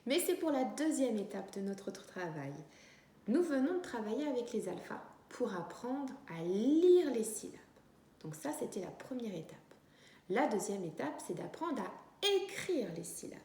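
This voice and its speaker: A woman teacher leads a lesson for young children, talking slowly and sounding out each syllable with care. Her fairly high voice rises and falls a lot. She is recorded in a room with a clear echo. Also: very animated, warm tone. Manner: slow, clear teacher talk, stretching out syllables. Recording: echoey room.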